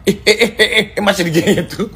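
A woman's voice: medium pitch, fairly even intonation, quick pace, crowd noise. A woman exclaiming fondly over small children in a casual home video. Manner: fond, exclaiming over the kids. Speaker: family member with the children.

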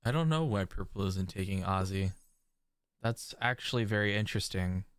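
A man streaming a strategy game, commenting live, excitable and laughing often, breaking into disbelieving exclamations. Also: fairly low pitch, moderate pace, clean tone, no echo, studio quality. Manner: laughs often while talking.

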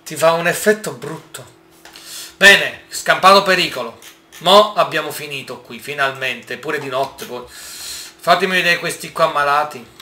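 A man giving casual gameplay commentary, excitable and exclaiming often as he talks to his viewers. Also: on the high side, unhurried, reverberant. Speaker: gaming YouTuber.

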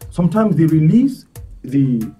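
A man, a charity volunteer speaking as a guest in earnest, halting talk full of restarts. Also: fairly high pitch, big pitch swings, mellow. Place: studio set. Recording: distant mic, faint music behind.

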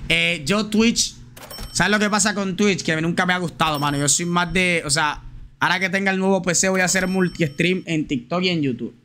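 Bright-voiced chatty male streamer. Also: high voice, moderate pace, a little hiss or hum. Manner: chatty, slangy, talks straight to viewers and reads chat aloud. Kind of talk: casual live gameplay chat.

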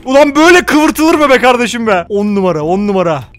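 A man giving rowdy, slangy gameplay commentary with excited exclamations. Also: very high-pitched, quick pace, faint music behind. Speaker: gaming YouTuber.

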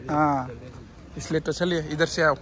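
A man's voice: fairly high pitch, steady tone, unhurried, crowd noise. A young man vlogging his trip, chatting as he walks outdoors with a phone held at arm's length. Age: young adult. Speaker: travel vlogger. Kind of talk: casual travel vlog. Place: outdoors at a busy festival and roadside. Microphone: phone camera held at arm's length. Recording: noisy outdoor phone recording.

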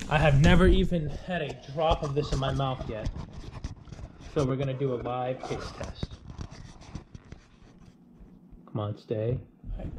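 A man, narrating a casual home cooking vlog in an informal, emphatic way, often repeating his phrases. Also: on the high side. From Rhode Island, USA. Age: 20s. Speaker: home cook vlogger. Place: home kitchen, indoors. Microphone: action camera, close or at arm's length. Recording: clear background noise with clicks.

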